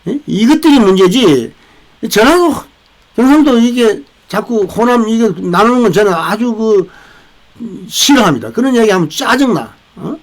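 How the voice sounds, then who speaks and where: His high, expressive voice moves at a normal speed as this older veterans'-channel host from South Korea rambles through political talk, restarting frequently and adding tag questions. The audio is poor.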